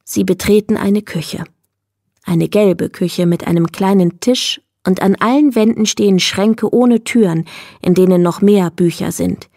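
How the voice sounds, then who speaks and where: A woman reading a children's book aloud as the narrator, telling the story in a clear, measured way. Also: medium pitch, dark tone, no room sound, clean studio sound. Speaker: audiobook narrator.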